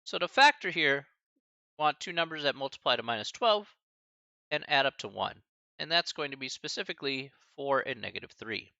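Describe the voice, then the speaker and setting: A man in his forties explains algebra in a live-streamed class, his voice swinging widely up and down as he talks. His tone is bright and crisp, close to a dry, dead mic. He breaks off to banter with the chat and laughs easily. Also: medium pitch, fairly quick, no echo, dull audio. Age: 40s. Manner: lively, chatty asides to chat, laughs often. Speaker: college math instructor. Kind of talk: live-streamed math lecture.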